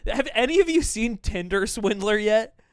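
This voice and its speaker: A man's voice: high voice, expressive, moderate pace, clear, resonant tone, no echo, clean studio sound. A young man chatting on a podcast, working through his point with lots of hedging. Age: young adult. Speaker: podcast co-host. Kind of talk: casual podcast chat.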